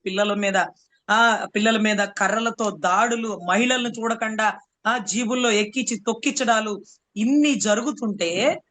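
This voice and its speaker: A woman's voice: mid-range voice, a bit bright. A woman from Andhra Pradesh arguing hard in a political debate, sarcastic and full of rhetorical questions. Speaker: political commentator.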